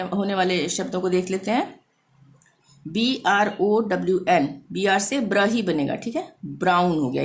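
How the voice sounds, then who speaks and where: A woman teaching a pronunciation lesson, patiently spelling out words letter by letter and repeating each one slowly. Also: mid-range voice. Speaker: language teacher.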